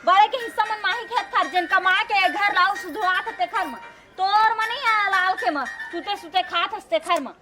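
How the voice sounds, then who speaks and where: A woman plays a scolding village sister-in-law in a comedy skit, very high in pitch. She nags with sarcasm and exasperation in a Chhattisgarhi accent, with loud music underneath. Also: moderate pace. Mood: sarcastic, nagging. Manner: nagging, sarcastic. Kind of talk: broad comedy skit acting. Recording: loud music behind dialogue.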